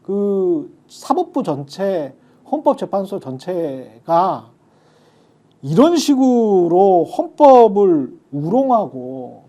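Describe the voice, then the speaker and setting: A man's voice: sits high, sing-song, slow pace, mellow. A man on a political talk show, giving his views emphatically and drifting into blunt casual speech.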